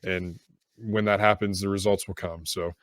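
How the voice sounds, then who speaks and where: A man co-hosting a sports podcast, talking casually in a halting way with many pauses. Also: low-pitched, steady tone, fairly bright tone, dry recording, clean studio sound. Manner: hesitant, many fillers and restarts. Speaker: podcast co-host.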